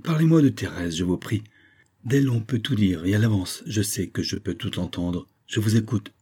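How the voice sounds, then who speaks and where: A man's voice: lowish voice, moderate pace, warm tone, slightly rough. A man reading aloud and voicing a troubled old working-class uncle who speaks in short, agitated bursts. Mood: grave.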